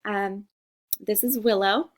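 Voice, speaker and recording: A Costa Rican woman in her forties speaks at a medium pitch, slow and steady. She's a teacher walking students through a class introduction video, friendly and chatty, often checking in with "okay?".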